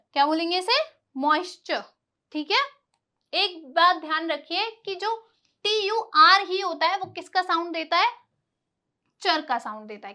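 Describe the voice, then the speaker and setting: A woman's voice: very high voice, bright, forceful tone. A woman teaching English letter sounds, asking questions and answering them herself, spelling words out letter by letter. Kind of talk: classroom lesson.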